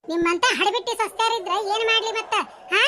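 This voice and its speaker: A woman doing a squeaky, sassy young daughter-in-law. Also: fairly even intonation, a little fast, bright, forceful tone, slight background noise. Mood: sarcastic. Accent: North Karnataka Kannada. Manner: argumentative, sarcastic back-talk. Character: cheeky young village daughter-in-law, defiant. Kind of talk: cartoon comedy voice acting.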